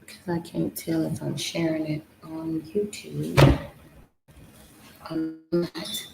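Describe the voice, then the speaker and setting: A woman hosting a casual livestream, talking slowly and haltingly with many fillers and restarts. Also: deep voice, level tone, creaky. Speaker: livestream host. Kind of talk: casual livestream talk about history. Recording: echoey room with faint guitar music.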